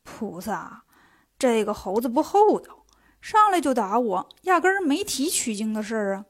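A woman's voice: on the high side, very animated, moderate pace. A woman doing a whiny, timid young dragon. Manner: whiny, meek.

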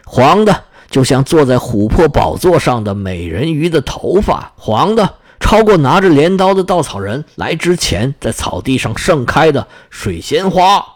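A man voicing a proud yellow rose tree in a fairy-tale reading, describing gently. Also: fairly high pitch, sing-song, a little slow, hardly any pauses, full character voice.

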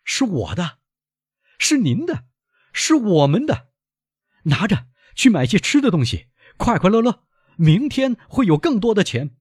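An earnest young sailor son, as a man reads him, speaks in a high, husky, pleading voice that leaps about in pitch. He is eager and devoted, pressing every line with emphasis in an audiobook reading. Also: wildly swooping pitch, moderate pace, a little mellow, no echo, clean studio sound, exaggerated voice. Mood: joyful.

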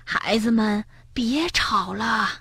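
A woman voicing a kind old grandmother bear in a storybook reading, speaking softly and gently. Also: a little high, breathy edge, dry recording, studio quality, heavily acted. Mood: gentle. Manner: slow, soft, gentle.

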